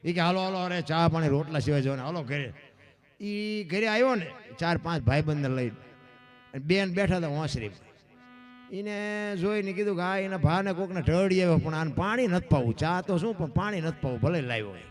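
A man's voice: high voice, animated, fairly quick. A man telling folk tales at a Gujarati dayro, folksy and addressing his listeners as bapu, with a Kathiawadi Gujarati accent. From Surendranagar district, Gujarat. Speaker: folk storyteller. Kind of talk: lok dayro folk storytelling.

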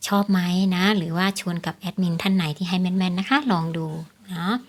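A woman's voice: lowish voice, little pitch movement, fairly quick. A woman hosting a casual tips vlog, explaining things to viewers, repeating her points and often checking for agreement with polite particles. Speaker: lottery tips channel host.

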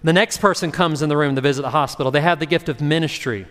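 A man's voice: on the high side, fast, fairly bright tone. Man preaching in a reverberant sanctuary. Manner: conversational, acts out short voices in his story. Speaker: pastor. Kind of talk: sermon. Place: church sanctuary. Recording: long hall reverb.

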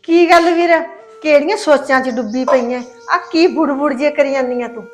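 An actress playing a bossy, sharp-tongued middle-aged mother-in-law in a short film drama, talking in a scolding, two-faced way. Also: sits high, moderate pace, faint music behind, natural voice.

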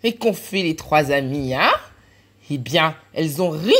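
A woman reading a children's picture book aloud for a library, acting out laughs and cries as she goes. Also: low voice. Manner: animated, acts out laughs and cries. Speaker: library storyteller.

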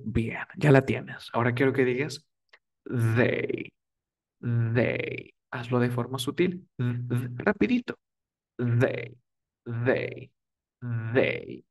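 A man's voice: medium pitch, husky, far from the mic. A man giving a casual spoken English lesson, repeating words for drills and checking in often. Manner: coaching, repeats words for drills, asks "¿vale?". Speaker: English teacher.

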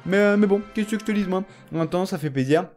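A man's voice: high-pitched, quick pace, a little mellow, soft background music. A young man commenting casually on his own gameplay, joking and teasing the viewer and his opponent. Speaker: gaming YouTuber. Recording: faint background noise.

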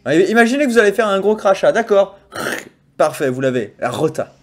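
A man's voice: sits high, expressive, fairly quick, faint music behind. A man hosting a casual livestream chat, playful and jokey, swearing freely and breaking into theatrical mock laments. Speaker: streamer host.

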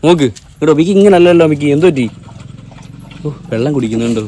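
A man's voice: a little high, animated, quick pace, warm tone. A man vlogging casually, teasing and chatting to his pet dog.

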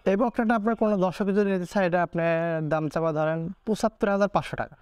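A man's voice: high-pitched, a little mellow, clear, resonant tone. A man who runs a dairy farm, talking casually about his cattle on site and often checking with "okay?". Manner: quick, repeats "ji, ji" and "thik ache?". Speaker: dairy farmer.

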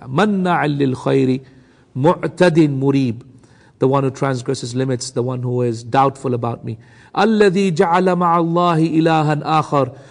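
A man's voice: medium pitch, a little mellow, long reverb tail. A man teaching a Quran commentary lesson who recites Arabic verses at speed, then explains them to his brothers and sisters. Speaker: Islamic teacher.

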